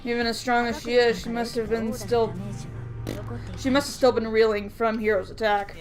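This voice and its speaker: A shrill, high, giggling killer girl who shouts with manic glee, as a woman puts her on. The voice jumps up and down wildly. Game music plays behind her. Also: level tone, normal speed, lightly acted. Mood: gleeful. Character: manic giggling murderous teenage girl alter ego.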